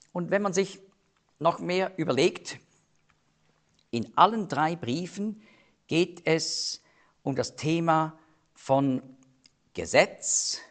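A man teaching on Bible verses, explaining slowly and deliberately and stressing key words. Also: on the high side.

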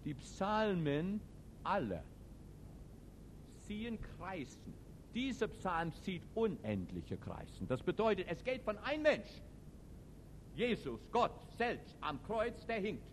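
A male preacher giving a sermon, his voice sitting a little high and swinging widely in pitch. He speaks with emphasis and slightly non-native grammar, moving from forceful peaks to quiet, reflective passages. A faint noise hangs behind him. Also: wildly swooping pitch, takes it slowly. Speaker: preacher and teacher. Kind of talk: sermon to a live audience.

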